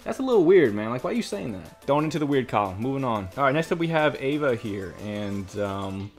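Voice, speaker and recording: A man's voice: mid-range voice, big pitch swings, fairly quick, faint music behind. A young man reading comments aloud and ranting about them in casual commentary, exasperated and lecturing, often repeating himself.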